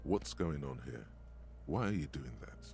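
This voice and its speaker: An actor playing a game's narrator voice, describing grim details in a darkly vivid manner. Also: male voice, very deep voice, lively intonation, a little slow, gravelly, background noise, full character voice. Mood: grim narration. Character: deep gravelly male narrator voice of the detective's mind. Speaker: game narrator.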